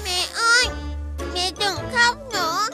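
Tiny cheeky cartoon boy, very high, slow and sweet, kids' music under. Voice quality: high childlike voice. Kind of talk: 3D cartoon dubbing. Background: children's music.

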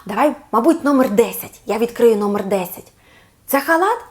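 A woman speech therapist giving a children's lesson, drawing out words slowly for the child to repeat and coaxing with sing-song praise. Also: fairly high pitch, darkish tone.

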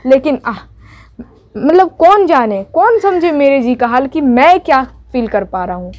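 A woman teacher explaining a poem line by line in a chatty way, reciting the verses more softly. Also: sits high, animated, normal speed. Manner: recites verses softly, then paraphrases in plain chat; repetitive, uses fillers like "jo hai na".

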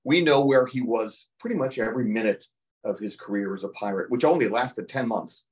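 Older male history lecturer, animated storyteller, heard from across the room. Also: medium pitch. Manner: lively storytelling, acts out quotes in playful voices. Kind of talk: museum lecture with slides. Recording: voice heard from a distance.

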